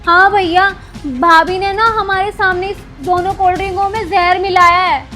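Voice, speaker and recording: A woman's voice: extremely high pitch, little pitch movement, moderate pace, sharp tone, faint music behind. A woman acting a younger sister in a family skit who pleads and insists. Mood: pleading. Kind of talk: amateur Hindi web-skit acting.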